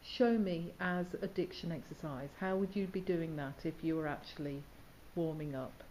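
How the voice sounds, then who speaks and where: Her voice sits low and has a dark tone at a normal speed as this woman teaches diction, asking students questions, explaining exercises, and demonstrating sounds. The recording is rough, with slight background noise.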